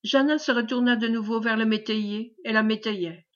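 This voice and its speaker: A woman reads a classic novel aloud in a measured, storytelling voice. Her pitch sits fairly high. The recording is dull and lo-fi. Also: fairly even intonation. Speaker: audiobook reader. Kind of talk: scripted novel narration.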